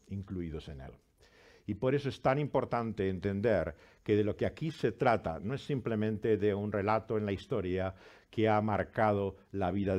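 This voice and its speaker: A man's voice: fairly low pitch, a little mellow. A man who reads a scripture passage with dramatic rises and falls, then preaches earnestly as pastor. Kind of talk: scripture reading and sermon.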